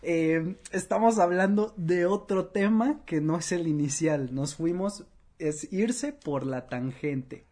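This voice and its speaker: A man's voice: high voice, slow, warm tone. A man with a Mexican accent in a casual chat, playful and stopping to explain slang expressions.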